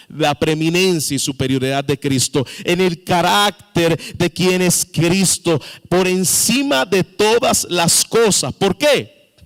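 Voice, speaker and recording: A man's voice: on the high side, vocal fry, a bit bright. A man preaching a sermon as pastor, with sudden emphatic rises and questions to the congregation. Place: church sanctuary. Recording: long reverb of a church hall.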